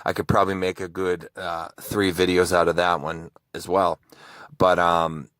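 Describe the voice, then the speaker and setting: A man's voice: low-pitched, level tone, moderate pace, a bit bright, no echo. A man who hosts true crime videos, telling a personal story in a casual, rambling way with many restarts.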